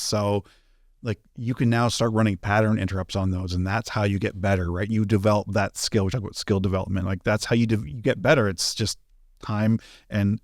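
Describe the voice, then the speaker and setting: A man's voice: fairly low pitch, no echo, studio quality. A man co-hosting a business podcast, reflective and emphatic, often restarting his sentences. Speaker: podcast co-host and business coach. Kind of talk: casual podcast conversation.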